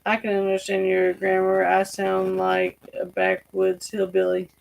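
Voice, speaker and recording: A woman co-hosting a casual livestream, reading viewer comments aloud in a plain, unhurried way. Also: mid-range voice, monotone, vocal fry, poor audio.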